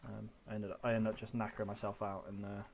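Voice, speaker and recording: Guest, man with a low voice, halting chat full of ums, light background hiss. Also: monotone, creaky, darkish tone. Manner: hesitant, filler-heavy. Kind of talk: casual chat.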